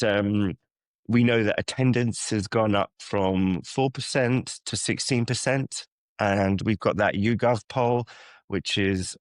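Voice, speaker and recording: A man from the London area in England, who works in church youth ministry, appears as a podcast interview guest. His voice is lowish and the recording has no echo. He answers questions thoughtfully but hesitantly, with many ums.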